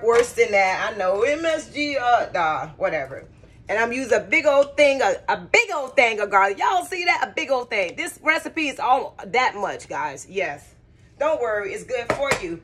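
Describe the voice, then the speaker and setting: A woman's voice: a little high, a bit bright, a little hiss or hum. Chatty woman cooking for her viewers. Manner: chatty, talks straight to viewers, says "guys" and "y'all". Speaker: cooking vlogger. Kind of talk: casual cooking demonstration. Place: home kitchen.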